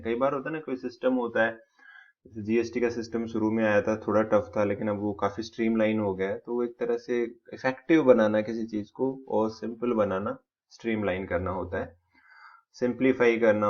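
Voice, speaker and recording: A man teaching exam vocabulary, explaining words step by step and listing their synonyms. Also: lowish voice. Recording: slightly dull lo-fi sound.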